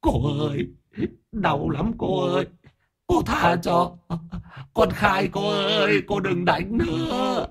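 Man putting on a high whimpering boy ghost. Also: big pitch swings, a little slow, full character voice. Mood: pleading. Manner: whimpering, pleading. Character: whining ghost of a teenage boy.

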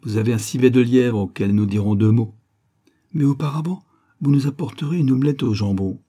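A man's voice: medium pitch, brisk, warm tone, close to an everyday voice. A man reading the part of a plump, naive, good-hearted man of thirty in a storybook reading, eager and effusive.

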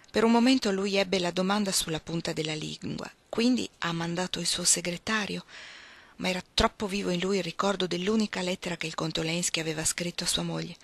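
A woman narrating a novel in a measured, steady audiobook reading. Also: lowish voice, gravelly. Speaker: reader.

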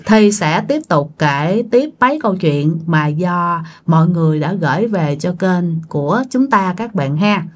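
A woman, hosting and narrating a ghost story casually, talking straight to her listeners. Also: lowish voice. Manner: chatty, addresses listeners directly. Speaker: storytelling channel host.

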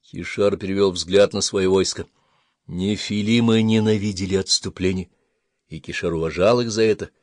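A man narrating a fantasy audiobook in a steady, even reading voice. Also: low voice, moderate pace, dry recording, clean studio sound.

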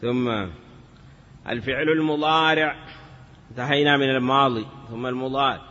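A man's voice: medium pitch, steady tone, moderate pace, pushed and bright, in a large hall, dull audio. A man teaching Arabic grammar in a patient classroom lecture, repeating examples and chanting some in a sing-song lilt.

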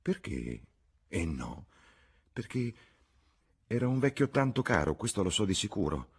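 Man voicing a young woman, outspoken, indignant, high, husky, storybook reading. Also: big pitch swings, unhurried, heavily acted. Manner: heated, emphatic.

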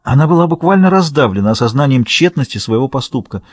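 A man narrating a thriller audiobook in a measured, even reading. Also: mid-range voice, slightly rough, dry recording. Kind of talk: scripted narration.

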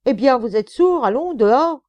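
A woman's voice: on the low side, sing-song, normal speed, warm tone, no room sound, highs cut off. A woman reading an audiobook, voicing a brutal male prison sergeant who barks and sneers at a prisoner. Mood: gruff shouting. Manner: barking, sneering.

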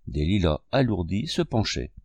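A man narrating a classic novel as an audiobook, in a measured, expressive reading. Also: deep voice, vocal fry, no room sound.

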